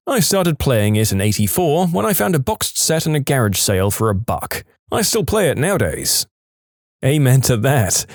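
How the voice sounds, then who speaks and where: A male narrator with a lively, swinging delivery reads Reddit stories aloud. He punches the funny lines with playful emphasis. The recording is close and dry, with no room sound. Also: mid-range voice, dry recording.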